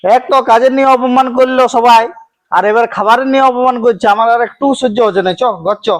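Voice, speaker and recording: A man's voice: extremely high pitch, fast. A man playing an insulted young son-in-law. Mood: aggrieved. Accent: Manbhum Bengali. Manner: aggrieved, insistent. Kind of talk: amateur village comedy drama.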